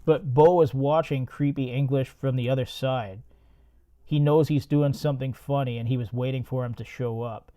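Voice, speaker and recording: Mellow-voiced man recapping a movie. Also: medium pitch, steady tone, normal speed. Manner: laid-back, profane, laughs at his own jokes. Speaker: podcast host. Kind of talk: movie reaction commentary.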